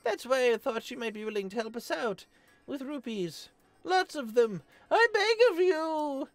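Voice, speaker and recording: A man voicing an eccentric old male scientist who speaks in grandiose, excitable, drawn-out boasts. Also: very high voice, dry recording, soft background music, voice pushed up, exaggerated voice. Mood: pleading.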